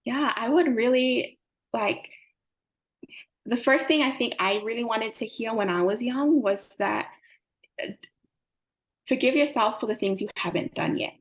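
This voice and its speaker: A woman's voice: a little high, measured pace, pauses often. Earnest young woman. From Samoa. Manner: earnest, fluent, frequent "like" and "um" fillers. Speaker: climate advocate guest. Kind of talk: interview answers.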